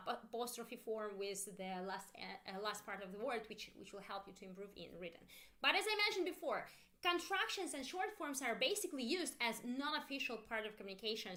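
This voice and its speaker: A woman's voice: medium pitch, sharp tone. A young woman, teaching an online English lesson and patiently drilling example sentences. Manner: patient, repeats phrases slowly for learners.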